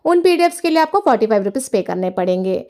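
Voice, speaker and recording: A high-pitched woman gives a language lesson. She says each phrase slowly and clearly, then repeats it. She explains each point with patience. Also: sing-song, a little mellow. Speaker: language teacher. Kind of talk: slow, careful language lesson.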